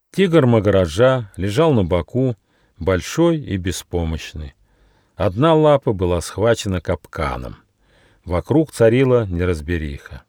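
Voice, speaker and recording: A man reading his own fairy-tale audiobook in an expressive storybook narration. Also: low voice, no echo, studio quality. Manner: expressive, animated.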